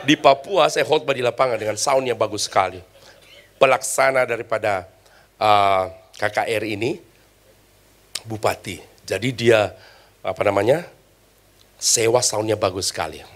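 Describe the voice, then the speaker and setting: A man's voice: on the low side, normal speed, pauses often. A male pastor preaching, mixing playful jokes and voice imitations with emphatic sermon passages. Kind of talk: sermon with humorous stories.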